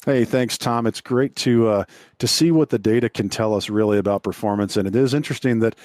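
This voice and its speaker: Low-voiced male studio host. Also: brisk, darkish tone, no room sound. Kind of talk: broadcast link commentary.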